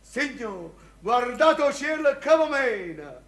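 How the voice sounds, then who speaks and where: Fawning Neapolitan innkeeper, very high voice, exclamatory stage comedy, echoey recording. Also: male voice, big pitch swings, slow, a bit bright, heavily acted. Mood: gushing flattery. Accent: southern Italian, Neapolitan. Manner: obsequious, exclamatory, theatrical. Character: fawning, servile country innkeeper.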